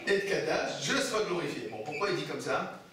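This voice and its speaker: A man's voice: high voice, very animated, moderate pace, background noise. A man, a rabbi, teaching a Torah class, asking his students questions and answering them himself. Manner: explains texts with repeated phrases and restarts. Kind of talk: Torah study lesson. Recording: echoey room, mic far off.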